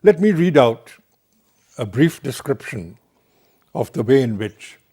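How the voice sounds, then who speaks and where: Slow, deliberate lecturer. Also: male voice, mid-range voice, big pitch swings, warm tone, breathy edge. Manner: slow, deliberate, emphatic delivery. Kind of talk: university lecture on literature.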